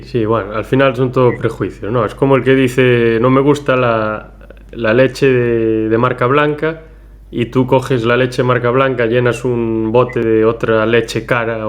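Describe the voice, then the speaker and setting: A man's voice: mid-range voice, level tone, normal speed, hardly any pauses. Man chatting about films. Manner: rambling, anecdotal, frequent restarts. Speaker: film podcast host. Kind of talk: casual film discussion.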